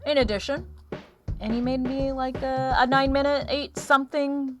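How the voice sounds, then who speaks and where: The speaker is a woman streamer on an art livestream, her high voice level in tone and normal in speed. She chats in a rambling way, breaking off her own sentences, with a slight lisp from a missing molar. A lo-fi track plays underneath.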